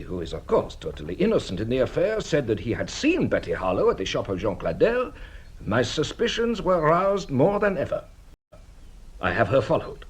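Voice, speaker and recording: In a radio drama, a male actor plays a shrewd, courteous police detective. His husky voice sits fairly low, and his delivery is formal, measured and theatrical.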